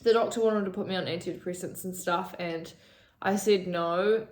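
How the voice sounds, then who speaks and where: A woman's voice: lowish voice, steady tone, normal speed, reverberant. A young woman, talking rawly and emotionally in a confessional vlog, swearing often, filmed on her phone. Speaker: vlogger. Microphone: phone camera.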